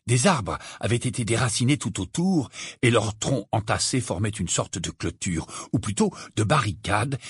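A man reading an audiobook narration in an expressive manner, close to the mic. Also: husky, no echo. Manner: expressive, swinging widely in pitch.

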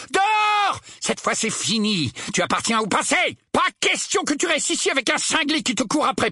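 A man voicing a blustering, furious middle-aged uncle who bellows in a shrill, husky voice in an audiobook. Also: bright, forceful tone, no room sound, studio quality, full character voice. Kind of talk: audiobook character voice.

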